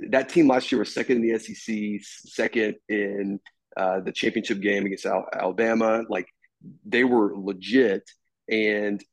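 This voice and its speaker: A man's voice: on the low side, dry recording. A man co-hosting a sports podcast, talking casually with lots of restarts and fillers. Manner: halting, many restarts and fillers. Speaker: podcast co-host.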